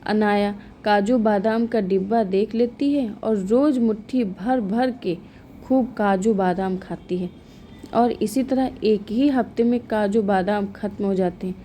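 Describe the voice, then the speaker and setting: Woman storyteller, calm scripted narration, slow and mellow. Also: medium pitch, a little hiss or hum.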